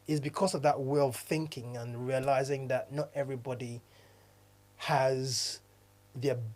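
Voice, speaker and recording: Nigerian-born male podcast co-host, earnest and halting, in relaxed conversation. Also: mid-range voice. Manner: earnest, repeats and restarts phrases, laughs often. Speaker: podcast co-host, diversity consultant. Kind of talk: casual chat.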